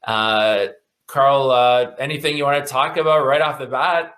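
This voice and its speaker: Bright-voiced man hosting an online event. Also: mid-range voice, fairly even intonation, measured pace. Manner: enthusiastic, heavy on "uh" fillers. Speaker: host. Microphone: video call mic.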